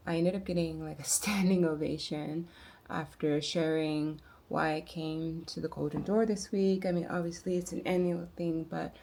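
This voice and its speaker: Low gravelly woman musing softly. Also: little pitch movement, slight background noise. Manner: soft-spoken, musing, with quiet asides; unhurried and searching for words. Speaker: vlogger. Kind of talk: personal reflective vlog.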